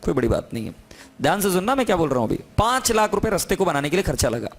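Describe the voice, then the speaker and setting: A man's voice: high voice, racing, faint music behind. A man teaching an accounting class, lecturing in a classroom and constantly asking his students questions. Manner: lively, coaxing questions to students.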